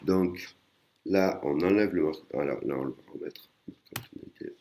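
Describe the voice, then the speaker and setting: A man with a very deep, gravelly voice teaches in a relaxed, hesitant way and keeps restarting his sentences. He explains each point patiently and adds little tag words as he goes. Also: moderate pace. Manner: hesitant, many fillers and restarts. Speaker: language teacher. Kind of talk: casual screen-recorded lesson.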